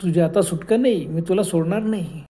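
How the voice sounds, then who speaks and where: A storyteller voicing a towering male ghost with glowing red eyes, speaking slowly and tauntingly. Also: mid-range voice, dark tone, close to an everyday voice. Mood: menacing.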